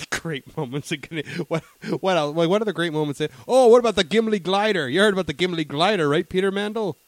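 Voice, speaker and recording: A man's voice: sits high, lively intonation, a little fast, hardly any pauses, no room sound. A man co-hosting a podcast in casual chat, jokey and rambling, laughing often. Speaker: podcast co-host.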